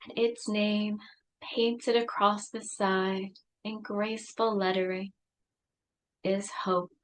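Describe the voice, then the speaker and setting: Lady doing a guided meditation, super slow and soft, calm soothing voice. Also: mid-range voice.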